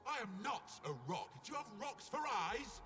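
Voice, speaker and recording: An actor playing a cranky, pompous talking turtle in a video game, blustering with indignation. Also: male voice, very high voice, animated, moderate pace, faint music behind, exaggerated voice. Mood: haughty, offended. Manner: blustering, pompous, shouting outrage.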